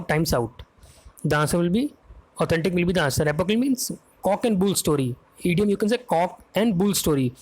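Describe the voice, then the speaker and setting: A man with an Indian accent teaching English vocabulary for an exam, talking fast in a quiz style and often checking that students follow. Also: a little high. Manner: fast, drills answers with repeated "है ना?" checks.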